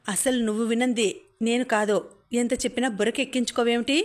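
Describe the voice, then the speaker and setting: A woman's voice: fairly high pitch, steady tone, brisk, natural voice. A woman voicing an irritated, stubborn young woman who answers back snappily, in an audiobook.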